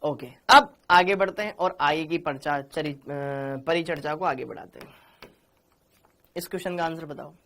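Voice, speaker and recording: A man's voice: on the high side, normal speed, fairly bright tone. Chatty Hindi-speaking male chemistry teacher. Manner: chatty, calls students beta, repeats answers. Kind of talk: live online class.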